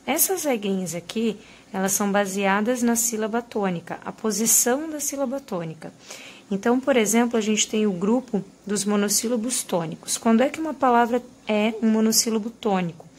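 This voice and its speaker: A woman's voice: on the high side, a little fast, darkish tone, slight background noise. A woman teaching a grammar lesson, explaining rules step by step and stressing the example words.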